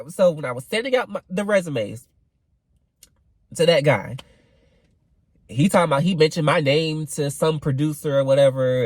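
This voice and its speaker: A young man in his twenties vents to his viewers in a loose, rambling rant, swearing freely. His pitch swings widely as he talks. The sound is dry and close, with no room around it. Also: no room sound, poor audio. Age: 20s. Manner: animated and expressive, swearing freely, rambling with fillers. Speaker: vlogger. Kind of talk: casual venting rant to camera.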